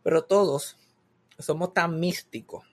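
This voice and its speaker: Speaking at a measured pace in a voice on the high side, a Puerto Rican-accented man chats casually and tells funny stories in a lively way, mixing English words into what he says.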